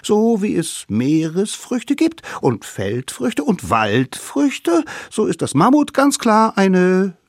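A man voicing the tiniest of a band of little cave children, a cunning, eager boy who chatters in a high voice. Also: huge pitch swings, slow, hardly any pauses, no room sound, clean studio sound, exaggerated voice. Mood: eager, persuasive.

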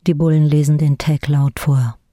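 A woman's voice: low-pitched, little pitch movement, moderate pace, dark tone, a little hiss or hum. A woman narrating a drama in a scripted, intense way, often addressing the listener directly and asking rhetorical questions. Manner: intense, second-person, rhetorical.

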